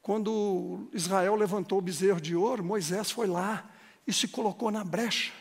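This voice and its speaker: A man's voice: high-pitched, fairly even intonation, moderate pace, slightly rough. A man preaching a sermon as pastor, building to emphatic, emotional passages and acting out conversations with churchgoers. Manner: acts out dialogues with congregants. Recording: long hall reverb.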